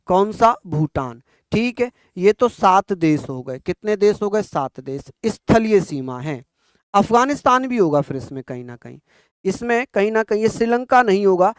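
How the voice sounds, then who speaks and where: A young man coaches students for an exam in a rapid, drilling style, repeating each answer and firing questions back at his listeners. His voice sits high and rings clear, recorded dry and close. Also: no room sound. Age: young adult. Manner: fast, repetitive, quizzing listeners. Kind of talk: fast-paced online exam lesson.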